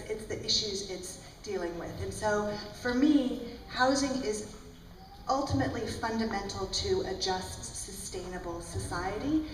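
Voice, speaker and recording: A woman originally from the Netherlands, speaking as an academic panelist, explaining points emphatically and often adding "right?". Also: mid-range voice. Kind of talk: panel discussion. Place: large hall at a breakfast event. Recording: echoey hall from far off, background noise.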